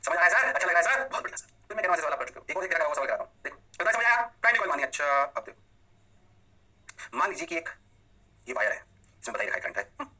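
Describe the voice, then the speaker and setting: Fast, bright-voiced male physics teacher. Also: a little high. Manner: rapid, animated, fires questions at students. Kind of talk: recorded video lecture.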